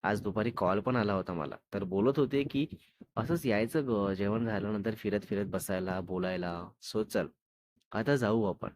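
A man's voice: lowish voice, normal speed, voice pushed down, lightly acted. A man reading the lines of a sulky, teasing young woman in a storybook tale, in a pleading, complaining way.

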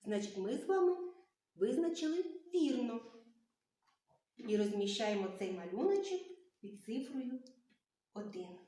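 Slow sing-song woman teacher, echoey. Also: fairly high pitch, big pitch swings, dark tone. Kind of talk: children's literacy lesson. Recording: very echoey room.

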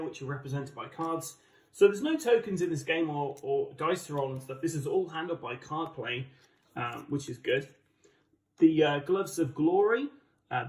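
English guy chatting excitedly through a board game unboxing, bit high voiced, echoey room. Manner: chatty, enthusiastic. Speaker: board game channel host. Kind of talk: casual unboxing commentary. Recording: roomy, distant microphone.

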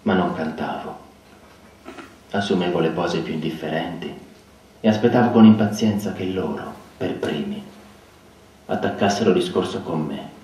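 A man's voice: a little mellow, lightly acted. A man playing a bitter, spiteful underground man. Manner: swings from low muttering to shrill outbursts. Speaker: stage actor. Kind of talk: theatrical monologue. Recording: echoey hall, distant mic.

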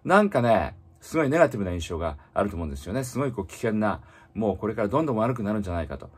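Husky man teaching with lively pitch. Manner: reads English slowly, explains in Japanese with many fillers. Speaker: English teacher. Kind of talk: casual spoken lesson.

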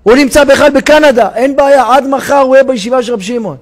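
A rabbi delivers a sermon in a synagogue with a fairly high voice. He acts out his parables with rising cries and sudden drops to a hush. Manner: dramatic storytelling, shouting the parable's cries for help.

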